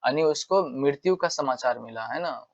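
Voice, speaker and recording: A man's voice: mid-range voice, normal speed, gravelly. A male English teacher giving a casual exam-prep lesson, repeating himself and checking in with tag questions. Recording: dull lo-fi sound.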